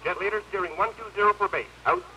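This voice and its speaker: A man's high, sharply bright voice comes through a pilot's helmet radio, thin and distant. He reels off terse, formal radio procedure at a quick clip. Every call ends in a crisp sign-off. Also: a little hiss or hum. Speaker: jet squadron leader.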